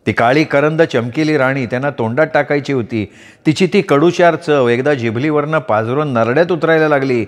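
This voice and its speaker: A man narrating a novel aloud as a storyteller, with an expressive, varied delivery. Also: mid-range voice. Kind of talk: dramatic audiobook narration. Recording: long reverb.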